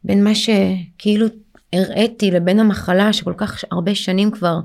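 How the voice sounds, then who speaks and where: Young woman guest, gravelly edge, halting personal testimony with lots of restarts. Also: mid-range voice, fairly even intonation, darkish tone. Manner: halting, full of fillers and restarts. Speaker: interview guest.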